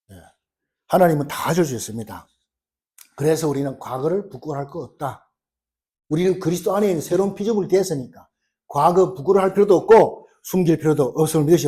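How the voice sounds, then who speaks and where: A male pastor delivering a sermon in a fairly high, mellow voice. His pitch swings widely as he tells stories and acts out the lines of the people in them. He keeps the congregation engaged the whole time. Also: breathy edge. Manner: animated storytelling, acting out quoted lines.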